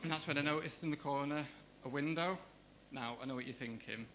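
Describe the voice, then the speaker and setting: A man doing stand-up comedy on a comedy club stage, with a deadpan, hesitant delivery. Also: a little high, brisk, noisy background.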